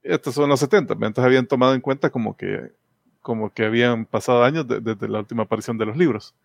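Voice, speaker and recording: Gravelly man retelling a comic. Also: mid-range voice, quick pace, dry recording. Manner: rambling, hesitant, many fillers and restarts. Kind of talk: casual chat retelling a comic story.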